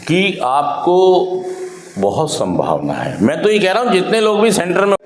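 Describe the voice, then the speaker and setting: A man's voice: on the high side, moderate pace, roomy sound, slight background noise. A man, an addiction counselor, giving a motivational talk to rehab residents and firing rhetorical questions at them. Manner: animated, rhetorical questions to the audience. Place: drug rehab center.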